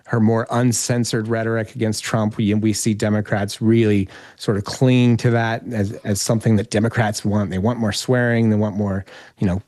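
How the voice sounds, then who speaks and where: A man's voice: lowish voice, a little mellow, no echo, studio quality. A man speaking as an interview guest, giving conversational political analysis.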